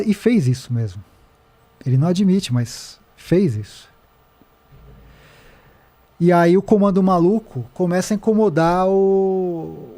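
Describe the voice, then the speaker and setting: Mellow Brazilian man telling a story. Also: fairly high pitch. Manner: animated storytelling, quoting people in passing. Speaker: podcast guest, documentary director. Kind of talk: casual podcast conversation. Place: podcast studio.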